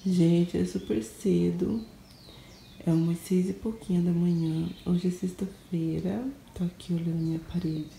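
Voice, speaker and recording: Home vlogger, Brazilian woman, low-pitched and dark, murmuring with excitement; echoey room, faint hiss. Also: a little slow, vocal fry. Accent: Brazilian Portuguese. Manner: hushed, gushing, repeats words for emphasis. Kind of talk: casual home vlog. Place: home kitchen early morning.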